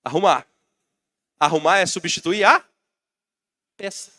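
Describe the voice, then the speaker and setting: Sharp in tone and a little slow, this high male voice belongs to a Brazilian pastor fighting a bad cold. He preaches in a Brazilian Portuguese accent, stirring up and calling to the congregation.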